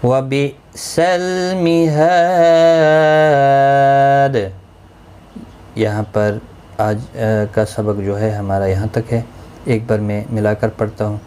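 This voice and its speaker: A man teaching Quran recitation rules, explaining each word in brisk, rule-by-rule steps and chanting the verses slowly. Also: on the low side, little pitch movement, dark tone. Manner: slow melodic Quran recitation between explanations. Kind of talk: tajweed lesson, explaining each word in Urdu.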